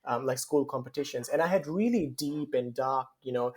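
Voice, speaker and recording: A man with a Fiji Indian accent talks in a conversational interview style as a guest author. His voice sits at a medium pitch as he tells personal stories. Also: moderate pace, darkish tone.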